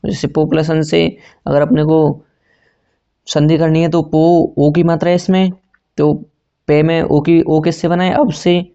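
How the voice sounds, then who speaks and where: A man's voice: on the high side, flat delivery, a little slow, mellow, clear, resonant tone, highs cut off. A man teaching a grammar lesson for exam preparation, asking and answering his own questions and correcting himself as he goes. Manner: self-correcting, says sorry mid-sentence.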